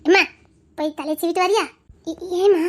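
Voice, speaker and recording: A woman's voice: extremely high pitch, fairly even intonation, normal speed. A woman playing a blunt, gossipy older village mother of the groom. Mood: scolding. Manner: scolding, gossipy, preachy.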